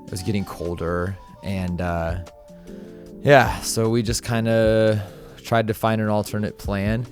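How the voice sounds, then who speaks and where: A man's voice: on the low side, steady tone, measured pace, soft background music. A man narrating his vlog in voice-over, rambling, with many fillers and restarts. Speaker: vlog host.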